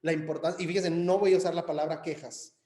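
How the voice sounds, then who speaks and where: A man's voice: a little high, steady tone, quick pace, mellow, roomy sound. A man preaching a sermon in a conversational way, often asking "right?" and addressing the congregation as brothers. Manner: conversational, frequent "¿verdad?" and "hermanos", many hesitations.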